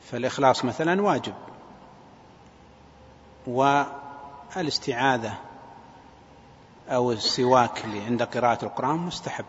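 A man giving a religious lecture in a measured, hesitant way, often repeating his phrases. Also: mid-range voice. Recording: dull, echoing hall, faint noise.

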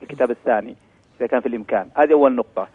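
A man calls in over a muffled, faint phone line that sounds thin and tinny. He talks very fast, setting out his numbered points politely and pausing on fillers between them. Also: slightly rough. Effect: muffled low-quality phone line. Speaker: caller. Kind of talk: call-in question to a scholar.

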